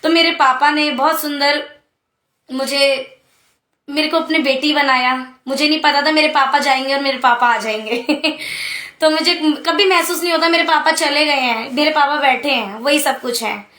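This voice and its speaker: A young woman tells her devotional story to a gathered congregation in a high, ringing voice. Her tone is earnest and heartfelt, and her words tend to tumble out quickly. The sound is caught in an echoey room. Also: sharp tone. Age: young adult. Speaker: devotee sharing testimony at a satsang. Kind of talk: devotional personal testimony.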